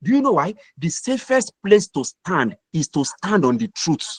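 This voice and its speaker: A middle-aged man with a Nigerian accent gives a motivational mentoring talk as a guest speaker, with an emphatic, repetitive, preacher-like delivery. His voice is a little high, very animated, and slightly breathy at a moderate pace, in a dry recording.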